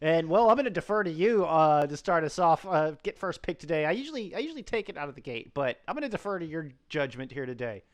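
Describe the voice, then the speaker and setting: A man co-casting an esports match, excitable and full of hype as he wraps up and thanks the chat. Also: fairly high pitch, fast, hardly any pauses. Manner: excitable, hyped, shouts of praise. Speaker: esports co-caster. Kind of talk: esports post-match commentary.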